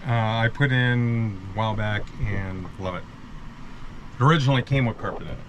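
A man's voice: lowish voice, fairly quick, dull audio, a little hiss or hum. A man who owns the boat, giving short, matter-of-fact answers in casual conversation inside a sailboat cabin. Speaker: boat owner showing his boat.

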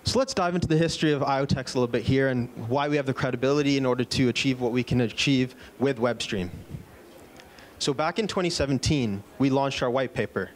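A man in his thirties gives an upbeat product keynote on the stage of a large indoor conference room, speaking into a handheld microphone. His mid-range voice moves fast, with a few fillers and restarts.

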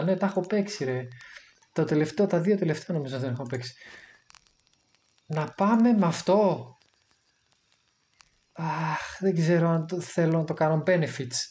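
A man giving casual gameplay commentary, chatty and excitable, thinking aloud as he plays. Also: fairly high pitch, pauses often. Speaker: gamer streaming his play.

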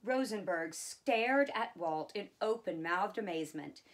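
A woman reads a biography aloud at an easy pace, now and then adding casual asides of her own. Her voice sits at a medium pitch. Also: a little slow. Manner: relaxed, with chatty asides. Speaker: audiobook reader.

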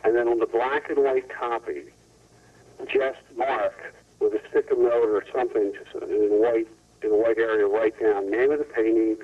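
A man's voice: lowish voice, husky, far from the mic. Muffled man leaving a businesslike phone message. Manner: businesslike, instructing, repeats details. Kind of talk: casual answering machine message. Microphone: telephone line into answering machine. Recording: muffled, tinny 1990s answering machine tape.

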